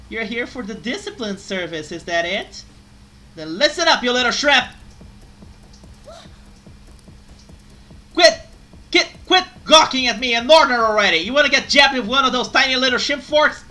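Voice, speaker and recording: A woman's voice: on the low side, bright, forceful tone, slight background noise. A woman voicing a bossy, hot-tempered little girl prison warden in a video game, scolding and barking her orders.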